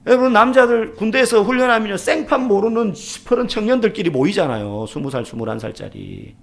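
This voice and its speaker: A man preaching a sermon as pastor, asking rhetorical questions and sometimes dropping to a soft near-whisper. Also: sits high, lively intonation, fairly quick.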